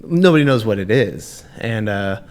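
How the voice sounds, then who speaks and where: A man from Texas talking as a guest chef on a podcast, relaxed, with frequent laughs and fillers. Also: fairly low pitch, normal speed. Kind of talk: casual podcast chat.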